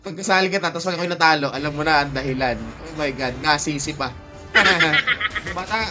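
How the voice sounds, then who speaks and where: A man from the Philippines giving casual, excitable gameplay commentary, teasing teammates and laughing often, his voice jumping high. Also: a little fast. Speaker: mobile game streamer. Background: game music.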